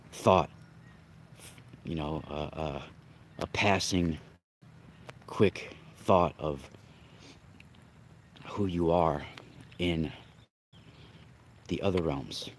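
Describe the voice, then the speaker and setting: A young man with a very deep voice hosts a livestream as a spiritual reader, chatting casually and greeting viewers in the chat. He has a cold, so he sounds slightly nasal and congested and coughs now and then, and he rambles, often restarting his sentences. There's slight background noise.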